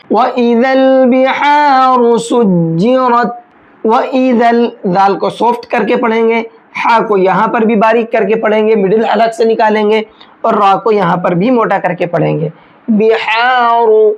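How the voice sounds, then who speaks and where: A woman teaching Quran tajweed step by step, patiently explaining letters and chanting verses slowly. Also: mid-range voice, vocal fry, darkish tone, lo-fi sound. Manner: slow, patient explanations with drawn-out chanted recitation. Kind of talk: step-by-step recitation lesson.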